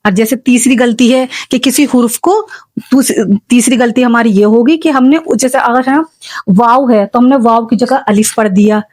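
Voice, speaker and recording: A woman giving a spoken lesson on Quran recitation, patiently explaining and repeating examples slowly. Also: fairly high pitch, steady tone, a little mellow, no echo. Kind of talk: spoken religious lesson for beginners.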